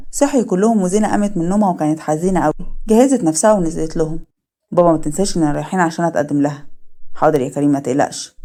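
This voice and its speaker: A woman with an Egyptian accent narrating a serialized story in rapid, flowing sentences. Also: on the low side, mellow.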